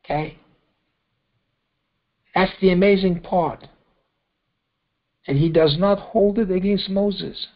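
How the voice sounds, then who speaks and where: Guy leading a quran study, keeps saying okay?, somewhat high voice, dull lo-fi call sound. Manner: explains slowly, often checks with "okay?". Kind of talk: conversational scripture lesson.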